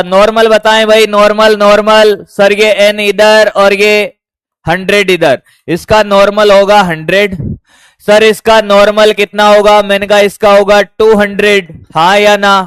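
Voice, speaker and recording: A man's voice: high-pitched, fairly bright tone, clear, resonant tone, no echo. A man teaching physics to a class, often calling students "beta" and firing repeated check questions at them. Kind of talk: classroom lecture.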